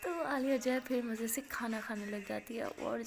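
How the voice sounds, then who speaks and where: Brief: casual woman narrator, chatty and rambling, fairly high voice. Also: vocal fry, over music. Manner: chatty, many fillers, addresses listeners. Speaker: storyteller. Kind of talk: casual narrated love story.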